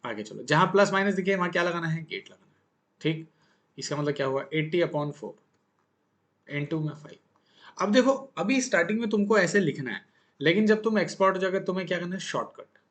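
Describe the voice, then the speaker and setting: A man's voice: high voice, animated, a little fast, fairly bright tone. A male maths teacher giving a casual, chatty lesson, joking and asking the class questions as he works.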